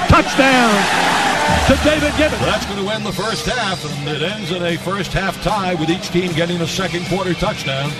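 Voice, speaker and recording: A man calling American football play-by-play, with clipped, excited touchdown calls in short bursts. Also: high-pitched, moderate pace, hardly any pauses, over loud music. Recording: very noisy game broadcast, stadium roar. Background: loud stadium noise.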